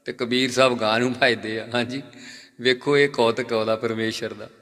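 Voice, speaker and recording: A man's voice: mid-range voice, steady tone, a bit bright. A man preaching in a long, reverberant hall. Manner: slows and chants scripture lines; asks and answers his own questions. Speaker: Sikh preacher. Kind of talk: sermon with chanted scripture.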